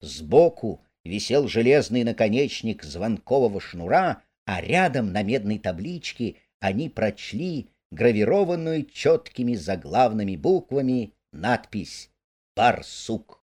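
A man narrating a children's story aloud, expressive and animated. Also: lowish voice, unhurried, few pauses, husky.

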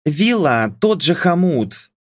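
A sarcastic young woman from an audiobook, reasoning with her family in dry, dismissive tones, as a male narrator puts her on. The voice sits higher than the reader's own, but the pace stays slow. The sound is close and dry. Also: very animated, dry recording, full character voice.

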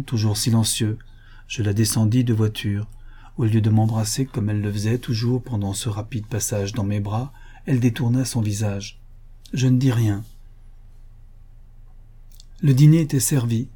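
Husky, mellow male narrator. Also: mid-range voice. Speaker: audiobook narrator. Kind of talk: scripted narration.

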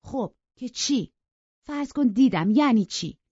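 A woman voicing a proud, petulant young woman who speaks high and exasperated, scolding, in a dull lo-fi audiobook recording. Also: lively intonation, warm tone, dry recording, close to an everyday voice.

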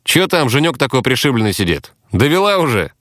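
A man's voice: mid-range voice, very animated, fairly quick, fairly bright tone, no room sound, studio quality, pitched above the performer's own voice. A man voicing a brash, crude young male warrior in an audiobook.

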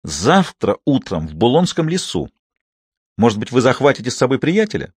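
A man voicing an arrogant, hot-tempered nobleman who talks in a rough, blustering way, read in a dry, close recording. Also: medium pitch, big pitch swings, normal speed, dry recording. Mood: furious.

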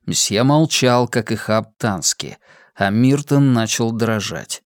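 A man giving a measured, expressive audiobook reading of a science-fiction story. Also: mid-range voice, no room sound, studio quality. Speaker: audiobook narrator. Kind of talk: dramatic audiobook narration.

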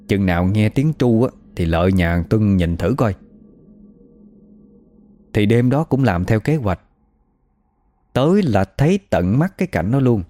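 Southern vietnamese guy telling an eerie village tale, chatty and gossipy, mellow low voice, faint music. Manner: conversational, gossipy retelling. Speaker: storyteller. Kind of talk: spooky folk story narration.

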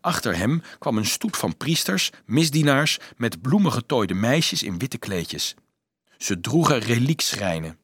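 Dry and close-miked with no room echo, this recording captures a male audiobook narrator reading a script a little slowly. His voice is mid-pitched and a bit husky, and his dramatic, expressive reading makes his pitch climb and fall with the story's suspense.

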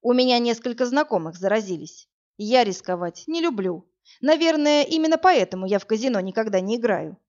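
A woman voicing a cold, pragmatic wealthy married businessman in an audiobook, speaking in a dry, calm, lecturing way. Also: on the high side, brisk, lightly acted. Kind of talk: audiobook character reading. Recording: dull lo-fi audio with faint music.

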